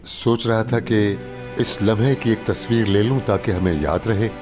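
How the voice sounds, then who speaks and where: A man's voice: lowish voice, unhurried, music in the background, close to an everyday voice. An actor dubbing an older man, an eager devoted suitor who stammers when overwhelmed, in a TV drama. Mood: tender. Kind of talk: Urdu-dubbed TV drama.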